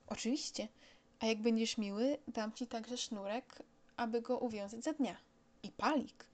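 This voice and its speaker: A woman's voice: fairly high pitch, a little slow, darkish tone, natural voice. A woman voicing a grown man, a proud and patient pilot, explaining plainly.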